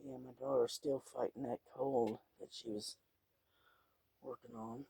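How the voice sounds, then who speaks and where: Congested middle aged guy, wheezy and husky, rambling along real slow and folksy. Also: mid-range voice, level tone, warm tone, dry recording. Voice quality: wheezy, congested, breathy rasp. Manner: unhurried, folksy, halting. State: congested, wheezing, clearing throat often. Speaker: painting vlogger. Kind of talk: casual rambling chat while painting.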